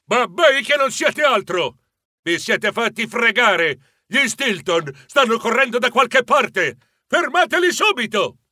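A man voicing a furious male mouse villain boss who barks orders slowly in a storybook reading. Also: very high-pitched, sing-song, no echo, voice pushed up, heavily acted. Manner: shouted, slow and furious.

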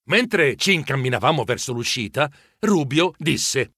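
A man narrating a children's story in the first person, with animated, expressive delivery. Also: medium pitch, unhurried, slightly rough, no room sound, clean studio sound. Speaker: audiobook narrator.

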